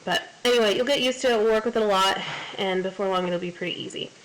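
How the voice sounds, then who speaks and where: A woman's voice: medium pitch, fast, fairly bright tone, poor audio. A woman teaching Spanish in a recorded lesson, explaining patiently step by step with frequent fillers.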